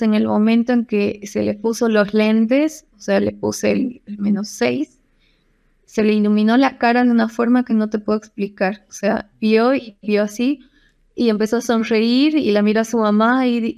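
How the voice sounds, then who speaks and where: Gravelly-voiced woman telling clinic stories. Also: medium pitch, darkish tone, muffled recording. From Bolivia. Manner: anecdotal, with many fillers and quoted dialogue. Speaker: ophthalmologist guest. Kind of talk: casual storytelling interview.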